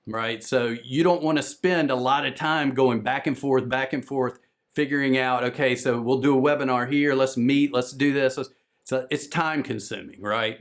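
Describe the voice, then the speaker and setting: A man with a Southern American accent gives a conference presentation on podcast business. He talks fast and with a lot of energy, pushing his points like a salesman. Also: mid-range voice. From Southern United States.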